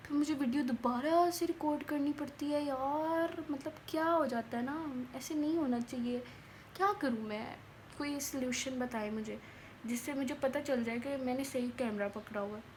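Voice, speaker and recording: A young woman with a hoarse, sore throat, chatting self-mockingly into a phone held at arm's length at home. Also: high voice, normal speed, a little mellow, slight background noise. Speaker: vlogger. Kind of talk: casual vlog chat. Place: home, partly on a rooftop.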